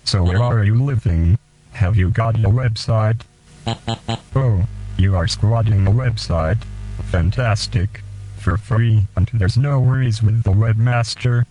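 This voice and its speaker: A man hosting a radio show, speaking in slow, deliberate, halting phrases and reading poems aloud. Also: lowish voice, dark tone, soft background music, rough recording. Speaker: radio host.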